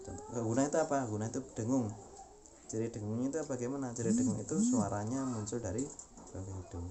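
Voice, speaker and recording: A man's voice: medium pitch, sing-song, fast, noisy background. A man teaching a Quran recitation lesson, explaining patiently and chanting examples several times. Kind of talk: tajwid lesson.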